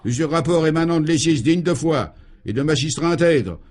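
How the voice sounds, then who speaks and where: A man's voice: on the high side, lively intonation, fairly quick, darkish tone, voice pushed up. A man voicing an irascible, blustering male governor in a radio play, bellowing in sputtering tirades. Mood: furious. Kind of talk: 1950s radio play acting.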